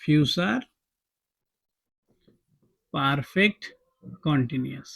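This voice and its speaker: A man's voice: on the high side, lively intonation, takes it slowly, vocal fry, a bit bright, husky. A man teaching English grammar, asking his students questions and repeating each point. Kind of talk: classroom-style grammar lesson.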